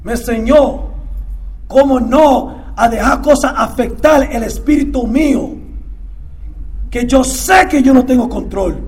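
A middle-aged Dominican man telling his recovery story in casual, repetitive talk, dropping English fillers into his Spanish and swinging between quiet murmurs and loud outbursts. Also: extremely high pitch, unhurried. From Dominican Republic. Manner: mixes English fillers into Spanish, stammers and repeats words. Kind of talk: casual testimony.

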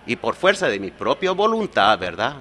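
At a support meeting, an American-born man delivers an earnest, confessional account of his life, often slipping in "¿verdad?". He sounds very animated, a bit bright, mid-range in pitch, and speaks at a normal speed.

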